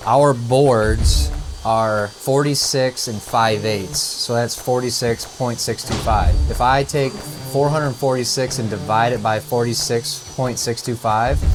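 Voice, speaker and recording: Plain-spoken male contractor giving a casual walkthrough on site, clear music bed behind him. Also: medium pitch. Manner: plain-spoken, talks through numbers step by step. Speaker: flooring contractor and channel host. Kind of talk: casual how-to instruction on a job site. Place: house under renovation, indoors.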